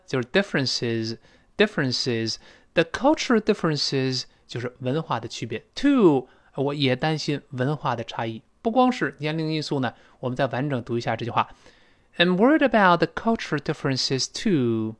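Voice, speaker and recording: Lively male English teacher. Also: fairly high pitch. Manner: lively, models English pronunciation slowly and repeats words; chatty with many fillers and folksy sayings. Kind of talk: recorded English lesson explaining a dialogue.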